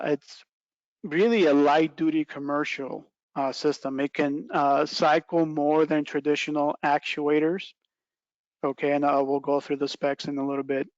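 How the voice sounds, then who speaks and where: The recording is dry and muffled, carrying a middle-aged man's slightly high voice. He's a product trainer giving an informal webinar presentation on a video call from a small plain indoor room, explaining step by step and checking in with "right" and "okay."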